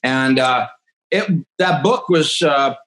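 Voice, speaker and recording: This Canadian-accented guest, a man in his fifties from northeastern Alberta who works as an agriculture entrepreneur, talks through his explanations conversationally on a podcast. He takes his time, with a medium pitch and a slightly bright tone on a rough recording.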